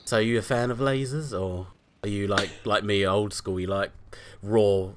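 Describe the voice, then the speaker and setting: A British man with a hoarse, sore-throated voice, chatting casually and bluntly with plenty of swearing as he hosts a gaming show. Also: on the low side, steady tone, moderate pace, slight background noise. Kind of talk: casual banter over gameplay.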